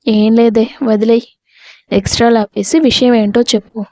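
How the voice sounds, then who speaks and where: A woman's voice: fairly high pitch, little pitch movement, normal speed, warm tone, no echo, close to an everyday voice. A woman voicing a heartbroken young man, a team leader, complaining bitterly after being turned down. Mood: hurt.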